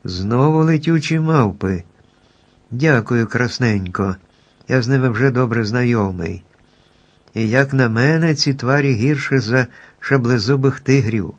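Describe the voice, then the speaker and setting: A man's voice: medium pitch, measured pace, lo-fi sound. Guy doing a cowardly shaggy lion, nervous and grumbly, storybook animal. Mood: wary.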